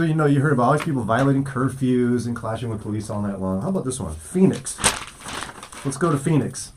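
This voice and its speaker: A man's voice: mid-range voice, a little mellow, slight background noise. A male morning radio host chats casually with his co-host. His voice moves up and down freely, and he keeps the tone playful. He often slips into joking impressions. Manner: playful, does news-anchor impressions.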